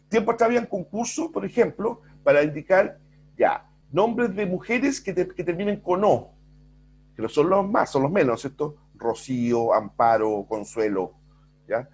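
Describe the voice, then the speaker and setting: Middle-aged guy teaching grammar, husky voice, goes up and down a lot, keeps checking with the class. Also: a little high, a little mellow. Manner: explains with many rhetorical checks and self-corrections. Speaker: school language teacher. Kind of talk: recorded virtual class lecture.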